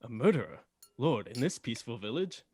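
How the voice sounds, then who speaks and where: A man playing an earnest, easily shocked gentleman doctor in a radio play, proper and a little fussy. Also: medium pitch, very animated, a little fast, breathy edge. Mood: shocked, curious.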